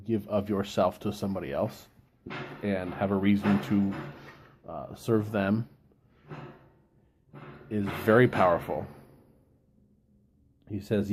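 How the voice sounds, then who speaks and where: A man with a fairly low, very mellow voice talks reflectively, as if walking a listener through a book. His delivery is deliberate and halting, pausing mid-phrase. Light background noise sits under the voice. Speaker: book reviewer giving an informal chat. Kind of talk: reflective solo talk, quoting and explaining.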